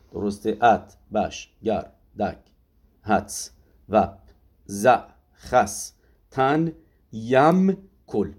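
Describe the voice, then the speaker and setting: A man giving a spoken religious lesson, pausing often with filler sounds as he explains. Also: on the low side, warm tone. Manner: hesitant, many filler sounds. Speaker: religious teacher. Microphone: audio-only recording.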